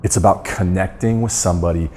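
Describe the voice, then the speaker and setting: A man's voice: deep voice, steady tone, fast talker, a little mellow, slight background noise. A man giving a storytelling talk on marketing, earnest and often restarting his sentences. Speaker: guest speaker on dental marketing. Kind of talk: storytelling talk to course members.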